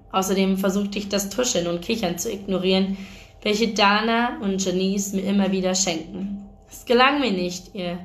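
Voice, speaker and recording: A woman reads a first-person novel aloud in a calm, measured storytelling voice. Her pitch sits in the middle of the range. The recording has a noticeable roomy echo. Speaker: audiobook reader.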